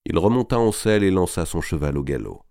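Deep-voiced expressive male audiobook narrator. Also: vocal fry, no echo, studio quality. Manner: expressive, measured literary reading.

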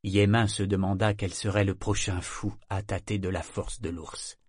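A man narrating a story in a steady, scripted audiobook reading. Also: sits low, moderate pace, slightly rough, no room sound, clean studio sound.

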